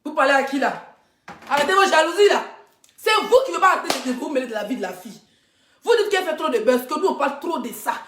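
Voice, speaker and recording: A woman blogger in a live social media rant, loud and mocking, often laughing as she talks. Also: sits high, lively intonation, fast talker, reverberant. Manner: mocking, loud, laughing through her talk. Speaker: blogger and influencer.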